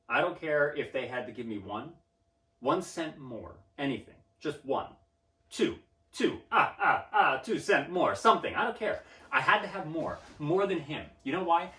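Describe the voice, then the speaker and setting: A man's voice: medium pitch, sharp tone. A man giving a pompous, self-important rant in a mock-serious interview, stammering through his restarts. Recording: roomy sound from a distant mic.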